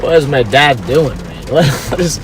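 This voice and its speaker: A man's voice: mid-range voice, big pitch swings, normal speed. A man giving casual, informal livestream commentary as a storm chaser, talking to his chat from inside a car. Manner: informal, talks to chat while watching storm. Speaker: storm chaser live streamer. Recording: noisy car with outdoor ambience.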